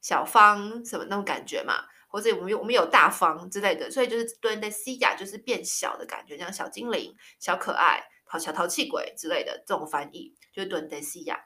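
A woman's voice: medium pitch, a little fast, few pauses, sharp tone. A woman in her thirties teaching Spanish words in a casual, chatty way, spelling them out letter by letter. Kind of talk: casual language lesson.

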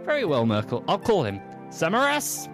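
A man's voice: a little high, wildly swooping pitch, normal speed, music in the background. A man playing a grumpy, old-fashioned sleigh driver who talks in an exasperated, bossy way.

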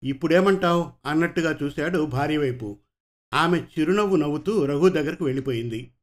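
A man narrating a story aloud in an even, measured reading style. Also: fairly high pitch. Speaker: story reader.

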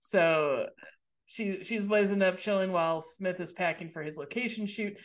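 A woman's voice: fairly low pitch, moderate pace. Chatty woman co-hosting a recap podcast. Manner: chatty, laughs often, acts out quotes. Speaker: podcast co-host. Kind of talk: casual recap chat.

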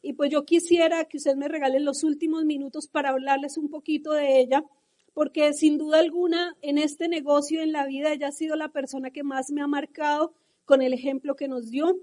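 A woman's voice: sits high, level tone, a little fast, mellow. A middle-aged Colombian woman with a Colombian accent, passionately telling her story in a motivational talk to a live audience. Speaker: motivational speaker.

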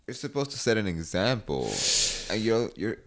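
Young guy, deep-ish voice, chill slangy chat with his friend, lots of likes and you knows. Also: very animated, normal speed, a crowd in the background. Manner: casual slang, frequent fillers and restarts. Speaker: friend chatting. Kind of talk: casual chat.

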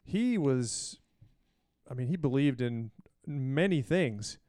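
A man co-hosting a podcast in casual chat, relaxed and rambling with lots of fillers. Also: medium pitch, slow, no room sound, studio quality. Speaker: podcast co-host.

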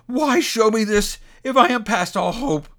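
A man voicing an excitable old man in a storybook, with fervent, exclamatory, theatrical delivery and a voice that breaks with emotion. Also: mid-range voice, brisk. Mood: desperate pleading. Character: old man Scrooge, terrified pleader turned giddy and joyful.

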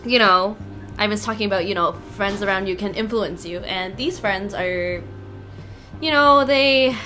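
Bright-voiced giggly woman co-host. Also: mid-range voice, measured pace, soft background music. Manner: giggly, self-interrupting. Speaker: podcast co-host. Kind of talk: casual chat.

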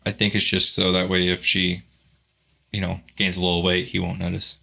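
A man's voice: sits low, monotone, normal speed, gravelly, bright, forceful tone. A man in casual podcast chat, easygoing and making jokes. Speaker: podcast co-host.

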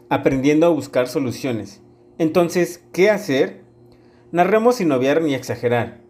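A man, hosting a podcast about parenting, talking in a calm, reflective way with pauses and restarts. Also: a little high. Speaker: podcast host, father. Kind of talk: casual podcast monologue.

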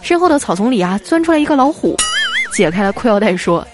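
A woman with a fairly high voice hosts a comedy segment and reads listener jokes in a playful, storytelling way. She stretches her sentence-end particles. Faint music plays softly behind her. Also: very animated, fast talker. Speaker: radio show host. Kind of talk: reading listener jokes aloud.

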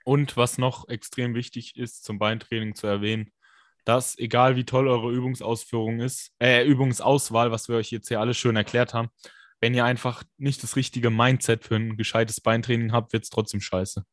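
Man, raspy smoker's voice, dry close sound, colloquial, emphatic, casual coaching talk. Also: medium pitch, level tone, normal speed, no echo. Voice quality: scratchy smoker's rasp. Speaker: podcast co-host and fitness coach. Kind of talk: casual podcast chat, coaching advice.

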